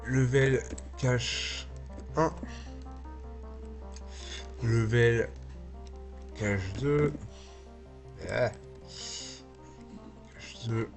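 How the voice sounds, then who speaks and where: A male video artist and VJ hosts a casual software tutorial from a small indoor home studio, talking informally and slowly through the steps over music while thinking aloud. His medium-pitched voice has a slight lisp.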